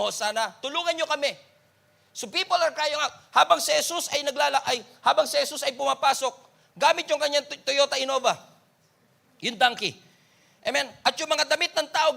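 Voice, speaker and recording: Man, Filipino accent, pastor, sermon, gravelly, high-pitched, mixes Tagalog and English. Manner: mixes Tagalog and English, swings from loud exclaiming to low and quiet.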